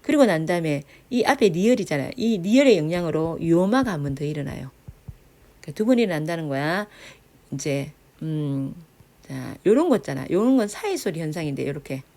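A woman teacher explains grammar to middle schoolers in a lively, rising and falling voice. Her tone is mellow and rather low, and she keeps checking that the class follows. She stretches out example words slowly as she sounds them out. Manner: checks understanding with frequent tag questions. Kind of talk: grammar lesson lecture.

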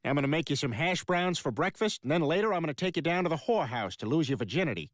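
An actor playing a loud, goofy middle-aged cartoon family dad who blusters and stammers. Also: male voice, fairly high pitch, expressive, quick pace, no echo, studio quality, close to an everyday voice. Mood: cheerful. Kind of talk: animated sitcom dialogue.

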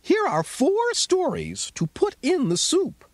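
Brief: very high, squeaky little mouse, clever and pleading, storybook. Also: male voice, wildly swooping pitch, slow, no room sound, heavily acted. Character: small clever male mouse, quick-witted. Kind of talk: storybook read-aloud.

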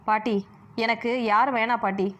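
A proud, hot-tempered young college woman from a storybook, firing off sharp, pointed questions, read by a woman. The voice sits a little high and stays close to the reader's own. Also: fairly even intonation, normal speed, natural voice. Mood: affectionate.

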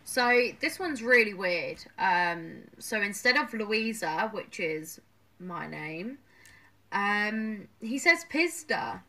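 A woman with a bright voice speaks slowly and deliberately, amused as she lists her examples. She sounds somewhat distant from the microphone. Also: mid-range voice, expressive. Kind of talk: casual storytelling.

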